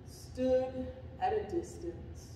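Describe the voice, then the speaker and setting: Slow-reading woman pastor in an echoey church. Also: high-pitched, slight background noise. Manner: slow, deliberate reading with shouted cries for emphasis. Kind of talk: dramatic scripture reading in a sermon. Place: church sanctuary. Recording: echoey church hall from far off.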